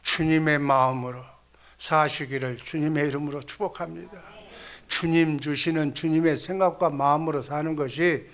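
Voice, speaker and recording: Male pastor, slightly high and bright, forceful preaching that leads call-and-response. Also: steady tone, normal speed. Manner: exhorting, blessing the congregation in the Lord's name; rhetorical questions answered himself. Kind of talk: sermon.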